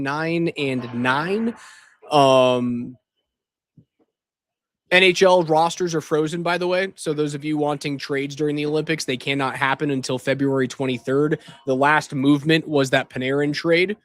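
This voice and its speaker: A man hosting live post-game hockey commentary, speaking emphatically and deliberately, often repeating phrases for weight. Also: medium pitch, dry recording, clean studio sound. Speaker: sports show host. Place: hockey arena after a game. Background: arena racket.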